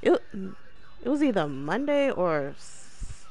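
A man hosts a gaming video with casual, folksy narration. He speaks slowly, with a lot of swing in his pitch. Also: very animated, darkish tone, soft background music. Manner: folksy, says y'all. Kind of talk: casual narration of a wrestling game storyline.

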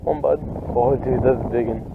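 A young man fishing at a pond bank, teasing his friend and calling out excitedly when fish bite. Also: mid-range voice, fairly quick, creaky. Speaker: fishing vlogger. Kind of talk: excited outdoor commentary. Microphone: head-mounted action camera. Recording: tinny lo-fi camera audio with wind noise.

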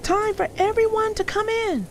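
A woman voicing a caring fox mother in a storybook, protective and gently warning. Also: sits high, animated, takes it slowly, a little hiss or hum, voice pushed up, full character voice.

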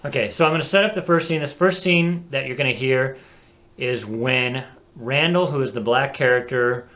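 A man co-hosting a casual talk show, animated and chatty, laughing easily. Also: medium pitch, moderate pace. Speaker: co-host. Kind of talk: casual chat.

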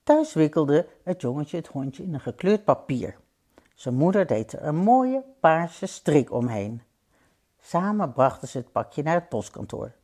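A woman reads a children's picture book aloud in an unhurried, gentle way. Her fairly low voice is very lively, rising and falling with the story, and she adds playful sound effects along the way. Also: breathy edge.

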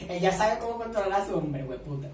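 A man with a Colombian Caribbean coast accent reacting excitedly to a series, swearing often and breaking into shrieks and squeals. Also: sits high. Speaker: reaction vlogger. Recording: echoey room, distant mic, faint noise.

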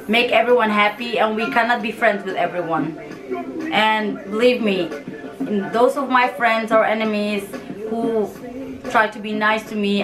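A vlogger in her thirties from Yemen and Somalia, with a mid-range voice and poor audio, chats frankly and animatedly to camera, gesturing with her hands. She sits in a hanging chair in a small room at home, facing a camera at mid distance. Music plays clearly under her voice.

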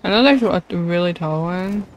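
A woman with a lowish voice chats informally at normal speed while gaming on a livestream, rambling and thinking aloud. The poor-quality audio carries slight background noise along with video game music behind her.

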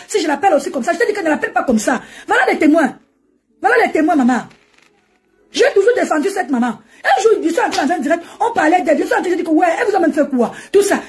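A woman's voice: high voice, a little mellow. A woman ranting and mocking on a live stream from home, laughing often as she talks into her phone. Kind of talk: animated Facebook live rant.

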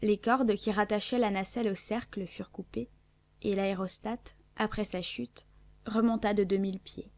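A woman's voice: medium pitch, steady tone, darkish tone. Woman reading a classic novel aloud. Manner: measured, clear literary reading. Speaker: audiobook narrator. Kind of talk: scripted narration of a classic novel.

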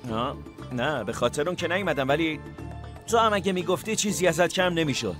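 An actor dubbing a nosy, meddling brother in a TV drama, huffy and mock-formal. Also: male voice, on the high side, expressive, music in the background, natural voice. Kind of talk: Persian dub of a TV drama.

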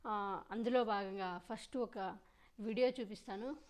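A woman's voice: mid-range voice, measured pace. A woman giving insistent political commentary on her channel, repeating her warnings.

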